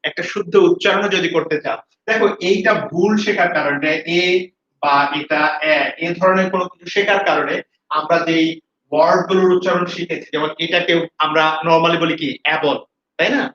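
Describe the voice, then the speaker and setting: A high, bright-voiced man teaches English pronunciation with lively energy, repeating each word for his students to echo back. The recording sounds roomy and a little dull, with faint hiss underneath. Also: brisk. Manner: energetic, repeats words for students to say after him. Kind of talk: classroom-style video lesson, mixing Bengali and English.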